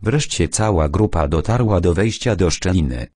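A man's voice: low voice, animated, normal speed, darkish tone, dry recording. A man reading an adventure audiobook aloud, narrating the story and voicing its characters lightly.

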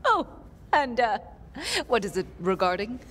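A woman's voice: medium pitch, sing-song, a little slow, fairly bright tone, a little hiss or hum. A woman voicing a nervous, awkward scientist who hesitates and stammers. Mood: flustered.

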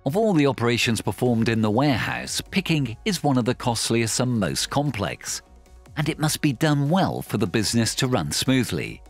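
A man reading a scripted corporate voice-over with clear, evenly paced promotional delivery. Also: medium pitch, sing-song, moderate pace. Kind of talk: scripted narration. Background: soft background music.

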